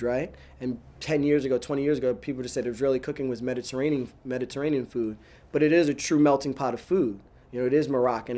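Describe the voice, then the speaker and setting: Chatty young chef, quick restarts. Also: male voice, medium pitch. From New York, USA. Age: 30s. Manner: animated, talks fast with many "like"s and restarts. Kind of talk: casual interview answers.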